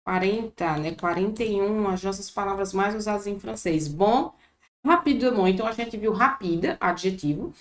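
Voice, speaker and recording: A woman with a Brazilian Portuguese accent teaching a vocabulary lesson, slowly repeating each word for her students. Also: medium pitch. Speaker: French teacher. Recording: echoey room.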